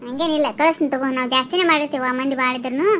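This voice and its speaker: A grumbling old village housewife, voiced by a woman, rattles off gossip and scolding at a racing clip in a high, thin voice. She has a North Karnataka Kannada accent and a tongue quick to fire back. Faint room ambience hums behind her in this cartoon. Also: fairly even intonation, fairly bright tone, a little hiss or hum. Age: older. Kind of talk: comic cartoon voice acting.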